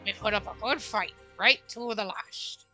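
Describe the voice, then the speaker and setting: A woman voicing a formal male government official in a game, briefing in a brisk, formal way. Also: mid-range voice, sharp tone, faint music behind, poor audio.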